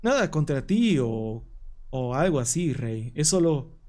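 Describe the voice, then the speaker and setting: A blunt middle-aged bartender, as a man reads him, speaks plainly and unhurried. He is wary and matter-of-fact with a customer. It is a horror game read-along. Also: medium pitch, very animated, mellow.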